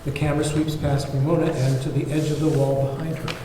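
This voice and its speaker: Reading fast and flat, a man with a warm voice on the high side narrates the scene descriptions and stage directions of a screenplay table read. It was recorded at a distance in a very echoey hall with faint noise.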